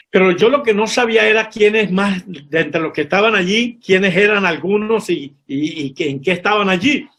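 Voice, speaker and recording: A man's voice: high voice, a bit bright. A man, a pastor and missionary, tells his testimony as a sermon, speaking to his brothers in faith and repeating words for emphasis. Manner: vivid storytelling, addresses listeners as brothers. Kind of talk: preaching a personal testimony.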